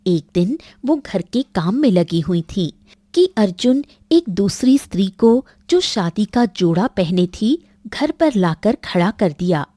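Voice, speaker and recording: Slow, mellow woman narrator. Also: mid-range voice, very animated, no room sound. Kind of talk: scripted story narration.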